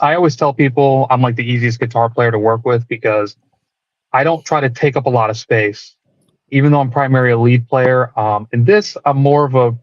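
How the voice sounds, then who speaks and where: A man's voice: medium pitch, no room sound, dull audio. A man who plays guitar in a band, talking casually and reflectively about music in a rambling way. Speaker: band guitarist being interviewed.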